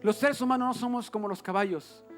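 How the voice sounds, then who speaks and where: Casting: high-pitched Mexican man preaching, hushed lows to shouted highs, faint music underneath. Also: fairly quick. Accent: Mexican Spanish. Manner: swings from hushed murmurs to shouted exhortation. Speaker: pastor. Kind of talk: sermon.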